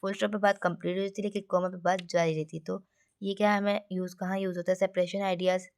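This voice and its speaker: A woman's voice: fairly low pitch, little pitch movement, fast talker, darkish tone, clear, resonant tone. A woman teaching an online English lesson in a chatty way, often turning to her students with playful asides.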